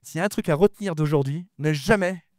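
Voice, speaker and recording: Male conference speaker, rapid-fire and mumbly, mellow tone, dry close sound, lots of repeats and restarts. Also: fairly high pitch, no room sound. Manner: talks fast and mumbles his words; often repeats words and restarts sentences. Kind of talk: lively conference talk addressing the audience.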